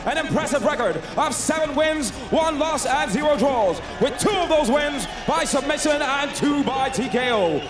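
A man in his thirties announcing fighters as a boxing ring announcer, booming and theatrical, drawing out the names over an arena PA. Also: lively intonation. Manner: booming, theatrical, drawn-out name calls. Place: large indoor fight arena, in the cage. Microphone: handheld microphone over arena PA. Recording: echoey arena PA, crowd and music.

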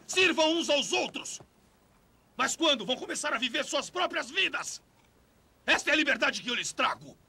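An actor playing a menacing dark lord, a tyrannical warlord, with a husky Brazilian Portuguese voice in a domineering, taunting film-dub delivery. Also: male voice, extremely high pitch, heavily acted. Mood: fervent. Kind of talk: dubbed film drama acting.

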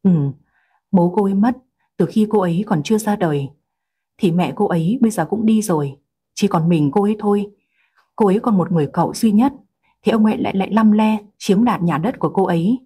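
Calm young baker man, read by a woman. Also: medium pitch, a little fast, slight background noise, natural voice. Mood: sympathetic.

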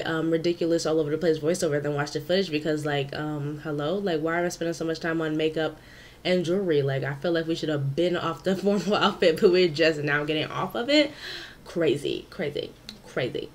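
Hyper, playful woman doing a voiceover. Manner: hyper and playful, says "honey" a lot; swings between loud squeals and low mutters. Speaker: YouTuber narrating a game makeover. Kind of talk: casual voiceover commentary.

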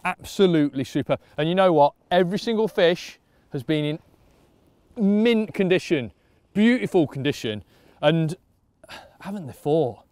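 A man's voice: a little high, lively intonation, normal speed, long pauses, darkish tone, no room sound. A middle-aged man, chatting enthusiastically while fishing on a riverbank. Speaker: angler and co-host. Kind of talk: casual outdoor chat. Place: riverbank outdoors.

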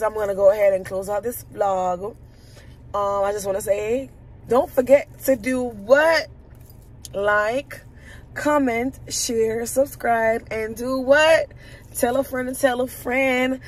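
A woman's voice: a little high, rough recording. A young woman, a new nurse, chatting casually to her viewers from a car and calling them y'all. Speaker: vlogger and new graduate nurse. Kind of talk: casual vlog chat.

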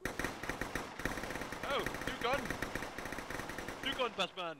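A man putting on a high, swooping, excitable soldier voice that yelps over the action. It leaps about wildly in pitch. Loud gunfire noise crowds the voice chat. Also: extremely slow, distant mic, full character voice. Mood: excited. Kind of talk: gaming banter.

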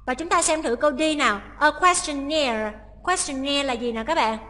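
A woman teaches English exam preparation, walking through each answer step by step. Her voice is high and bright. A long reverb trails behind her voice. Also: fairly quick. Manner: explains step by step, switching to read English lines. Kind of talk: exam-prep lesson.

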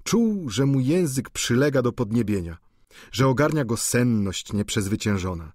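Expressive male audiobook reader. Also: medium pitch, no room sound, clean studio sound. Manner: expressive, measured literary reading. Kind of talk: scripted narration.

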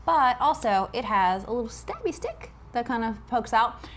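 A woman's voice: a little high, big pitch swings, normal speed, slight background noise. A woman co-hosting a casual livestream, chatty and upbeat with lots of fillers while she demonstrates. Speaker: co-host of a livestream. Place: aquarium studio.

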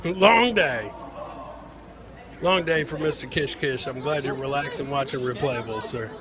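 A middle-aged comedian hosts a livestream clip show, giving casual, jokey live commentary on videos and often repeating his catchphrases. His voice is mid-range and a little slow, and a crowd can be heard in the background.

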